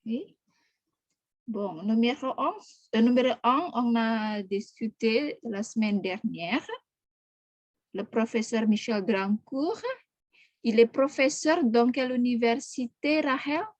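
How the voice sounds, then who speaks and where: A woman's voice: fairly high pitch, slow pace, no room sound, muffled recording. A woman teaching a French class, patiently repeating questions and correcting pronunciation. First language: Indonesian. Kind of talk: online language class.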